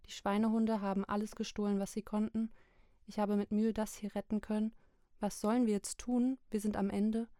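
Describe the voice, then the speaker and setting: A woman's voice: medium pitch, level tone, normal speed, mellow, no echo, studio quality, natural voice. A woman reading the lines of an angry young male cousin, bitter and cursing. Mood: furious.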